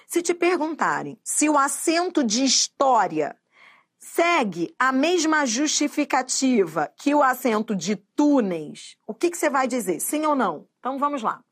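High-voiced Brazilian woman teaching grammar. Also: sing-song. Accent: Brazilian Portuguese. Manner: drills with repeated quiz questions, stretches key terms slowly. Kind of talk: exam-prep grammar lesson.

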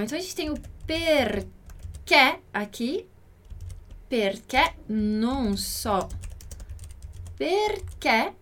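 A woman teaching an online language lesson, modeling pronunciation by repeating words slowly and clearly. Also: high voice, fairly bright tone. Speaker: Italian teacher.

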